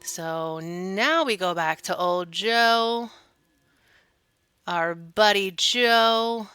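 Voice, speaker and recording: A woman's voice: medium pitch, extremely slow, pushed and bright, smooth, dry recording. A woman hosting a video game walkthrough with casual commentary, recorded close up indoors. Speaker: gameplay video host.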